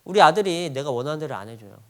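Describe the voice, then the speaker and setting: A middle-aged male pastor delivers a sermon in a high-pitched voice that leaps up and down with lively intonation. He preaches in a conversational, animated way, firing rhetorical questions at the congregation and chuckling between points. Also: very fast.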